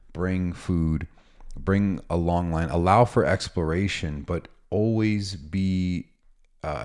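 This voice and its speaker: A bass-voiced man who works as a dog trainer talks casually in a relaxed, instructional way. He explains things using examples and asides.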